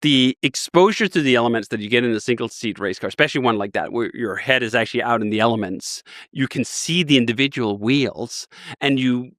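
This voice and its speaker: A man's voice: mid-range voice, brisk, fairly bright tone, no room sound, studio quality. A man in his forties from Denmark, a guest telling stories with enthusiasm in a casual interview. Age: 40s. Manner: enthusiastic, rambling storyteller.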